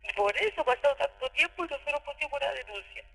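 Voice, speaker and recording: A woman giving a halting, emotional personal testimony, often repeating her words. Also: sits high, expressive, vocal fry, a bit bright, big-room sound, rough recording. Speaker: interviewee recounting abuse.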